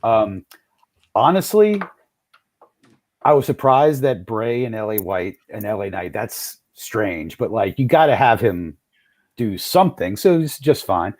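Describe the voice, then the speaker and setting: Emphatic man, low voice, dry sound. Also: animated, measured pace, a little mellow, no echo. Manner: passionate, emphatic, sometimes stammering. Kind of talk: casual chat.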